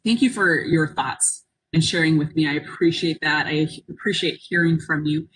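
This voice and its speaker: A woman's voice: fairly low pitch, a bit bright, low-quality recording. A woman presenting an interactive webinar in an encouraging, reflective manner, inviting people to take part. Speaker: workshop presenter. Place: online conference call.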